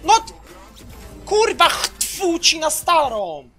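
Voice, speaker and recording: A man in his twenties streaming a game live, loud and excitable, swearing and throwing in English phrases, on a headset in a small room. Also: extremely high pitch, slow pace, soft background music. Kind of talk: live gameplay commentary.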